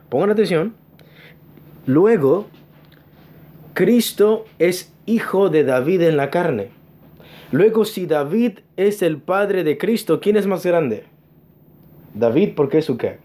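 A male pastor teaches from the pulpit in an unhurried, measured way, his voice sitting a little high. He keeps asking the congregation questions and answering them, and he slows right down on key words while urging everyone to pay attention. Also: very animated, warm tone. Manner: stresses key words by slowing down. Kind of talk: teaching sermon. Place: church.

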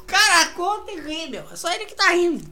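A woman's voice: very high voice, brisk, crowd noise. A woman voicing an exasperated comic co-host who scolds and mocks a drunk friend in a radio sketch. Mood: mocking. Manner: scolding, mocking, excitable.

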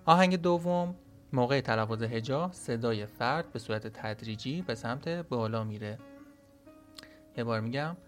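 A man's voice: mid-range voice, soft background music. A man teaching a podcast language lesson, explaining step by step and saying sounds aloud as examples.

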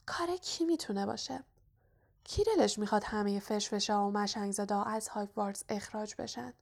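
A clever, cautious young schoolgirl witch played by a woman reader speaks in a high, hushed, knowing voice. She is careful and quick in this audiobook. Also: natural voice.

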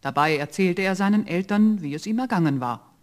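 A man narrating a fairy tale from a script. His voice is high for a man. He tells the story in an even, steady way. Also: fairly quick.

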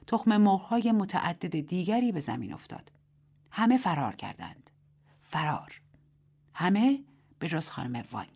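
A woman reading a literary short story aloud as narrator and host, in a measured, dramatic reading. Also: on the low side.

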